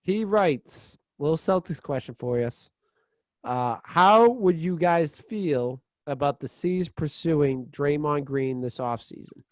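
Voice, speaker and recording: A man co-hosting a casual sports podcast, excitable, rambling and full of "like" and restarts. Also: fairly high pitch, slow pace, dry recording. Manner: excitable, laughs easily. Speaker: podcast co-host.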